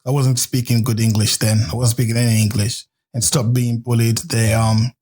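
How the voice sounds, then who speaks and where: A man's voice: medium pitch, flat delivery, moderate pace, a little mellow. A man from Africa hosting a podcast, telling a story in casual chat and often tagging his sentences with "right?". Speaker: podcast host.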